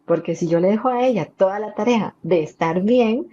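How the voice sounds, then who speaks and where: A woman's voice: medium pitch, normal speed, warm tone. A woman with a Costa Rican accent, a perinatal psychologist explaining earnestly as a guest in a podcast interview. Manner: explanatory, earnest, uses many fillers. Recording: dull lo-fi audio.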